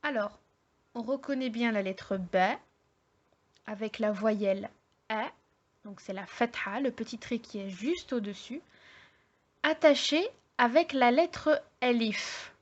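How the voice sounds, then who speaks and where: Slow, hesitant woman teaching a lesson. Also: a little high, dull audio. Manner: hesitant, many fillers, explains slowly step by step. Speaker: Arabic teacher. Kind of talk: online language lesson.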